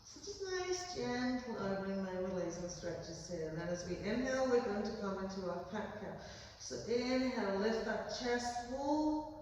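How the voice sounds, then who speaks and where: Woman guiding yoga in an echoey room. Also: medium pitch. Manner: gentle, steady cues with frequent "okay?" checks. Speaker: yoga instructor. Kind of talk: guided yoga class instruction. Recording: very echoey room, voice far from mic, faint background noise.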